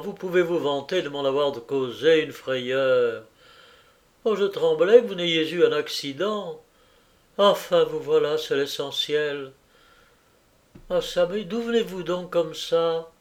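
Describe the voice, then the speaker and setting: A chattering, kindly older landlady who gushes in a lifted, higher voice, piling one exclamation on another, as a male reader puts her on. Breathless and effusive in her fussing. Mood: gushing joy. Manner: breathless, gushing, full of exclamations.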